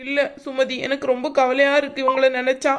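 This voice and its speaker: A woman's voice: sits high, completely flat delivery, brisk, fairly bright tone. A woman voicing a worried, ailing older mother in a cartoon, speaking with a southern Tamil Nadu accent in a fretful, self-reproaching way. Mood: tearful. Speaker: voice actor. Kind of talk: cartoon voice acting.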